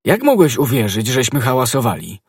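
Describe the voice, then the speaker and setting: A man voicing a noble, older musketeer who speaks in a measured, dignified and gently reproachful way. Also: mid-range voice, expressive, slightly rough, no room sound, clean studio sound, voice pushed up. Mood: grave.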